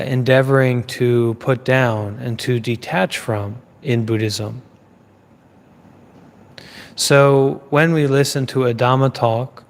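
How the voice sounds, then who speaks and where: A Buddhist teacher gives a live Dhamma talk in a medium-pitched voice, with the sound of a big room around him. His speech is measured, with listed phrases repeated and pauses in between.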